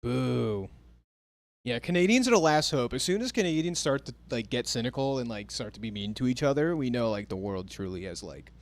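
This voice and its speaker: An American man streams games from his home near a big city, chatting in a mid-range voice that's a little fast with lively intonation. He's laid-back, reading chat and laughing often.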